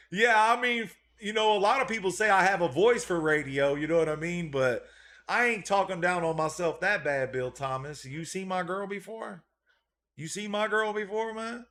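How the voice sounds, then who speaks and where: A dog breeder hosts a laid-back, casual livestream, reading out viewer donations, thanking the donors and often repeating a catchphrase. His voice is high-pitched and a bit bright, at a normal speed.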